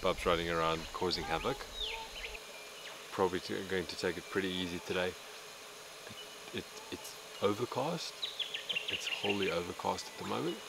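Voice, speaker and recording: A man's voice: low-pitched, normal speed, creaky. An Australian man in his thirties, talking easygoing and casual with plenty of fillers as he vlogs a camping trip from a bush campsite. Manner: relaxed, easygoing, with frequent fillers. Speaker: camping vlogger. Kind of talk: casual vlog narration. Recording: outdoor recording with insect noise. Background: insects and crickets in the bush.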